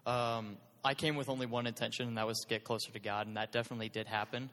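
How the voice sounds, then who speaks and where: A man's voice: medium pitch, little pitch movement, fast talker, fairly bright tone. A young man sharing his church camp testimony into a handheld microphone, earnest and hesitant with many "um"s. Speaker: youth group member sharing testimony. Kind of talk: casual spoken testimony. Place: large hall at a youth church event. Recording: reverberant hall.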